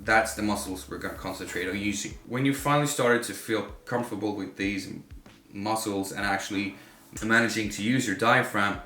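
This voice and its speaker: A man's voice: fairly low pitch, fairly even intonation, a little fast, bright, forceful tone. A man giving casual, informal vocal coaching to camera, talking like a working vocalist. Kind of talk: casual instructional talk to camera. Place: room with a home studio setup. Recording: roomy echo, faint music behind.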